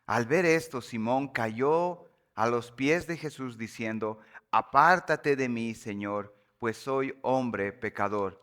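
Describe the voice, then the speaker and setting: A man, a pastor, reading scripture aloud in a sermon, measured and solemn with slow, emphatic pauses. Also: medium pitch, a bit bright.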